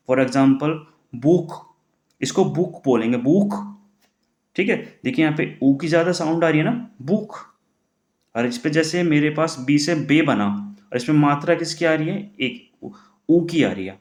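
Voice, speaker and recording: Male language teacher, slightly high voice, quizzing style, roomy echo. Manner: asks the class questions and answers them himself, repeating words slowly. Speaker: online German teacher. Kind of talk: classroom-style lesson explaining pronunciation. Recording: echoey room.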